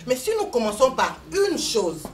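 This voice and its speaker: Speaking at a community meeting, a Congolese woman invited to present explains things carefully in a measured public address. Her voice is on the high side and sing-song, at a moderate pace, recorded from a distance with faint room noise.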